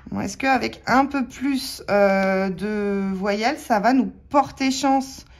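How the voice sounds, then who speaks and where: A woman with a French accent scratches lottery tickets while chatting casually to her viewers, spelling letters out one at a time. Her voice is medium-pitched and slow.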